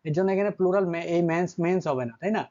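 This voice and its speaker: A man's voice: high voice, rapid-fire, warm tone, highs cut off. A man teaching an English grammar lesson, constantly checking with his students through short questions.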